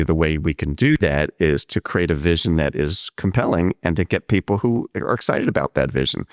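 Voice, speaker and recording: A man hosting a podcast conversation, speaking in a measured, reflective way and explaining his ideas at length. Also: low voice, no echo, studio quality. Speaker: podcast host. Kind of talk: conversational interview.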